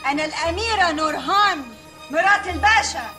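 An actress playing a haughty, indignant princess, a pasha's wife, in a comedy film. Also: female voice, very high-pitched, brisk, music in the background. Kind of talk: comic film acting.

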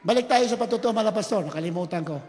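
A high-pitched male preacher delivers a fervent sermon, chuckling through his stories and breaking into shouted praises. He mixes English phrases into his preaching. His voice rings with the long reverb of a large hall. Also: lively intonation, very fast, slight background noise. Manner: chuckles while telling stories.

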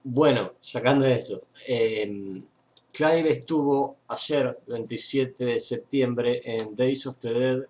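A man's voice: medium pitch, takes it slowly, darkish tone. A young man from Argentina with an Argentine accent, hosting a fan page in a casual webcam news chat, rambling with many fillers and restarts, indoors on a webcam mic. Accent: Argentine Spanish. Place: indoor room at a computer.

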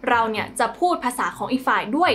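A woman's voice: a little high, animated, quick pace, a bit bright. A woman from Thailand with a Thai accent, hosting her vlog in a chatty, playful way. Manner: chatty and playful, often laughing. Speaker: host. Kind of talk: bubbly vlog chat.

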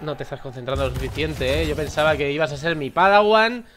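A man with a Spain accent giving playful, casual commentary as he opens game loot chests, coaxing the viewer to concentrate and bursting out excitedly. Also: on the high side, fast talker, slight background noise. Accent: Spanish from Spain. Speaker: gaming content creator.

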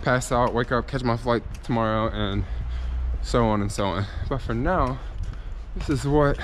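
A man's voice: mid-range voice, a little slow. A young American man casually talking through a train trip and a walk around a city, easygoing and upbeat. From United States. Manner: easygoing, upbeat, thinking aloud. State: short on sleep. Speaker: travel vlogger. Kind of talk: casual travel vlog. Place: trains, stations and city streets. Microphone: camera-mounted mic, handheld wide-angle. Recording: noisy handheld camera audio outdoors. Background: station and street noise.

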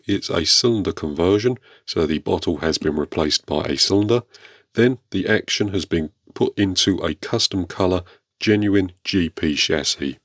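A man with an exceptionally deep voice narrates a product showcase for his viewers. His delivery is measured, polite and understated. The sound is close and dry, with very little room. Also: no room sound. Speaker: YouTube airgun channel host.

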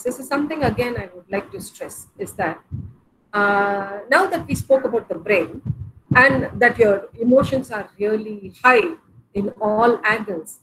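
A woman with a South Indian accent presents an online lesson in a fairly high voice. She explains with examples, sometimes halting and repeating words. The video-call audio has some background noise. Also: low-quality recording. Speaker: mental health session presenter. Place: indoors in a room at home or office, on video call.

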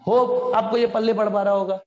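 A man's voice: high-pitched, flat delivery, a little fast, a little mellow. A man teaching a live online physics class in speech, chatty, calling students "beta" and throwing in slangy asides. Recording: echoey room with long reverb.

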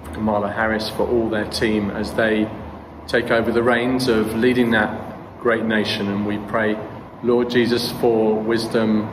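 A man's voice: lowish voice, flat delivery, a little slow, hardly any pauses. Man praying in an echoey church hall. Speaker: pastor leading prayer. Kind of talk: spoken congregational prayer. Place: church hall with brick walls. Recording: roomy hall echo, background noise.

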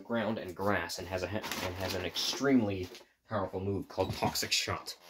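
A man's voice: low-pitched, fairly even intonation, normal speed, background noise. A man improvising a fan story, rambling with frequent stops and restarts as he retells it. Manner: rambling, stop-and-start retelling.

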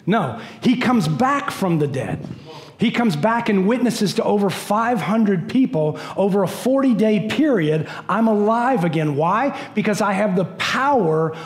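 A middle-aged man preaching a sermon as pastor, animated, pacing a church stage. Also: sits high, measured pace. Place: church stage in a large dim hall.

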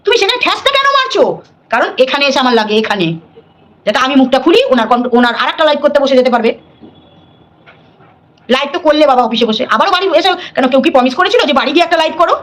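Speaking fast and high-pitched on a live stream, a middle-aged woman delivers a defiant scolding. She hammers her points home by repeating them over and over.

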